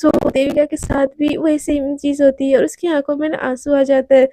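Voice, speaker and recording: A woman's voice: high-pitched, flat delivery, moderate pace, dark tone, a little hiss or hum. A young woman casually narrating a romance story, chatty and addressing listeners.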